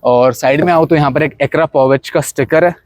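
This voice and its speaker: In a dry recording, a young man with a fairly high voice talks at a normal speed. He has an Indian accent and gives a chatty, casual tour of his modified car, pointing things out while mixing Hindi and English.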